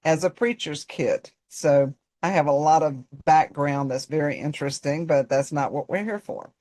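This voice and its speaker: A woman's voice: deep voice, normal speed, dark tone. Southern woman coach with a North Carolina accent. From North Carolina, United States. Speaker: personal development coach, guest presenter. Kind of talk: informal presentation to a group.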